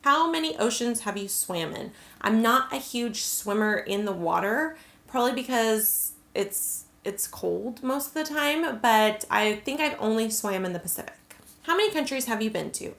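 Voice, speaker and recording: A young adult American vlogger chats casually to camera, answering questions with plenty of "like" and "um." Her voice sits on the high side, gravelly and fairly bright, and the sound is roomy.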